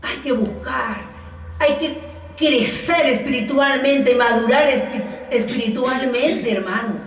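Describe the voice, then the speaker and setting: A woman's voice: high-pitched, slow pace. An older woman preaching a sermon in a church, often calling her listeners brothers and laughing between points. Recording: echoey church room, voice from the mic's distance.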